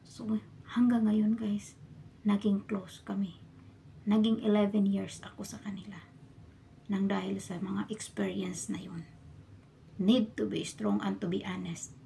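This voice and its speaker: A woman from the Philippines talks to her viewers in a casual storytelling vlog, recorded in a bedroom. Her voice is deeply gravelly with constant fry, and her tone stays dark and mellow. She keeps sinking into a soft, hushed whisper. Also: flat delivery, unhurried, long pauses, a little hiss or hum. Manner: often drops into a hushed whisper. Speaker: vlogger and domestic worker abroad. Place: a bedroom in her employer's home.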